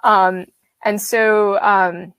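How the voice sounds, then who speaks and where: Very slow and fairly even in intonation, a woman in her thirties talks casually on a webcam video call, her mid-range voice clean and fairly bright with no room sound. She is a Midwestern author-illustrator in a home studio with a brick wall, rambling with lots of fillers and restarts.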